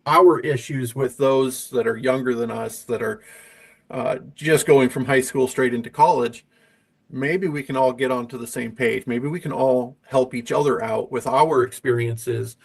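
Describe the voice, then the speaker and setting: A man's voice: mid-range voice, steady tone, a little slow, gravelly. American man thinking aloud on a video call. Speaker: interview guest, veterans' organization officer. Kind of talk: conversational interview answers.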